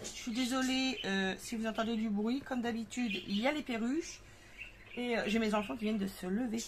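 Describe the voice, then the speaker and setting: A woman's voice: a little high, brisk. A woman casually demonstrating a craft at home, thinking aloud with lots of fillers. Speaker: craft tutorial host. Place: home craft table with parakeets and kids nearby. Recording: noticeable home background noise with bird chirps.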